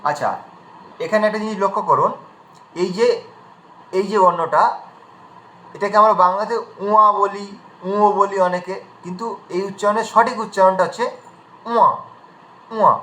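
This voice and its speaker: Guy teaching an online class, spells out sounds one by one, bright voice, echoey room. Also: high-pitched, brisk, pauses often, slight background noise. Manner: demonstrates sounds one by one, patient.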